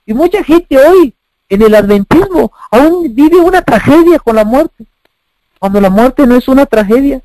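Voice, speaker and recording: Preaching a sermon at a slightly slow pace, a man uses a very high, animated voice that swoops up and down. He's emphatic, repeating phrases and posing rhetorical questions. The recording is close, dry, and rough.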